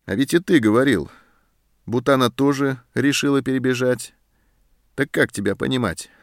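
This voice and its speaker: A man voicing a short-tempered male army sergeant who talks in a harsh, scornful way, louder and higher than his narration. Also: normal speed, dry recording, clean studio sound, lightly acted. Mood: suspicious.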